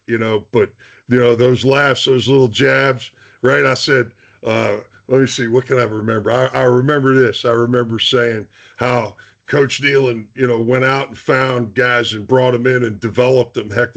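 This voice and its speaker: A man's voice: medium pitch, fairly even intonation, moderate pace, fairly bright tone, lo-fi sound. A man hosting a podcast, telling jokey team stories in casual chat, with lots of "hey" and restarts. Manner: joking storyteller, many restarts and "hey".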